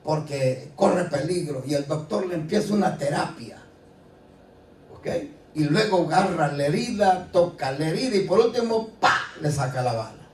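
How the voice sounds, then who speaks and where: A man with a slightly high, animated voice preaches at a moderate pace in a church, sounding distant in an echoey hall with slight background noise. His sermon is conversational and full of rhetorical questions to the congregation, with faint ambience and congregation responses around him.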